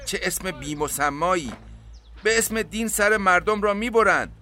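A sneering, arrogant rebel colonel barks orders and mocks his captives, played by a man. The voice sits high, with a bright, cutting edge. It suits a radio drama. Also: faint music behind. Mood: scornful. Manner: sneering, scornful.

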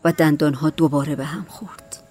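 Woman narrating a story over soft music. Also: low-pitched, steady tone.

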